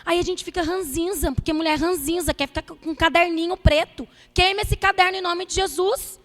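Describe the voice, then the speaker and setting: A woman pastor preaching to couples, telling stories with quoted dialogue in a lively way. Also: extremely high pitch, a little fast, faint music behind. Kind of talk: sermon to couples. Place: church. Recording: church hall reverb.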